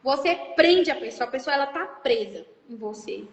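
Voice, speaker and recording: A woman's voice: high-pitched, lively intonation, normal speed, roomy sound, big-room sound. A Brazilian woman giving an earnest, heartfelt personal testimony at church, tearful at times. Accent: Brazilian Portuguese. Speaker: guest sharing testimony.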